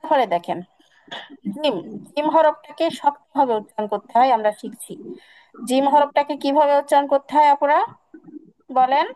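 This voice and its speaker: High-voiced woman teaching letter sounds. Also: warm tone, no room sound, poor audio. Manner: patient, drills sounds by repeating them slowly. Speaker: Quran recitation teacher. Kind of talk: online class instruction.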